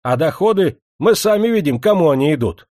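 Man voicing angry worker crowd, shouting, higher pitched, loud, dry close sound. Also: animated, fairly quick, no echo, close to an everyday voice.

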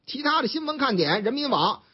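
A man's voice: very high voice, brisk, husky. A man with a Beijing accent hosting a chatty radio newspaper commentary show, retelling stories and acting out the people in them. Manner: lively storytelling, acts out quoted characters with voice changes. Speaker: radio news commentary host. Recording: dull lo-fi radio broadcast.

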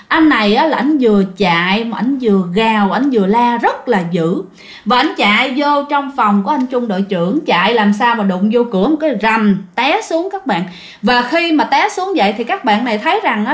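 A woman narrates a ghost story in a casual, chatty manner. Her voice sits high, and she keeps turning to address her listeners directly.

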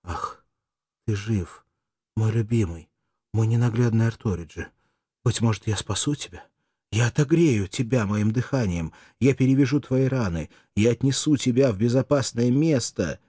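A man's voice: medium pitch, steady tone, moderate pace, darkish tone, husky, dry recording, studio quality, voice pushed up, natural voice. A man reading an audiobook, voicing a desperate, grieving young woman who pleads passionately in a strained, raised voice. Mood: passionate pleading.

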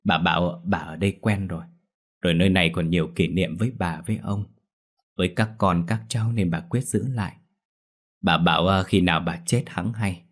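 A man voicing a worried middle-aged uncle in an audio ghost story, speaking in a hurried, anxious way. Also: low-pitched.

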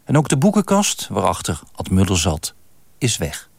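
Deep-voiced man narrating a documentary. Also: wildly swooping pitch, normal speed, creaky, a little hiss or hum. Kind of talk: scripted narration.

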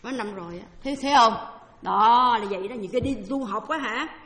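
A Buddhist nun with a Southern Vietnamese accent tells a dharma talk as a personal story, her voice pitched a little high. She is chatty and acts out what others said, now and then slipping in English phrases. Her voice carries through an echoey hall with a long, lingering reverb. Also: brisk, a bit bright.

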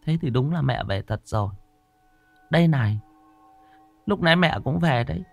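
A man voicing a frightened middle-aged village wife, high and quick in a fussing way. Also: expressive, vocal fry, no echo, soft background music. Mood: insistent.

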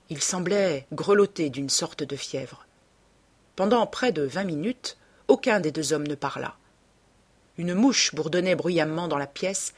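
A woman narrating a classic novel in a measured, even storytelling manner. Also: sits low, slightly rough. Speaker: audiobook narrator. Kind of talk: scripted literary narration.

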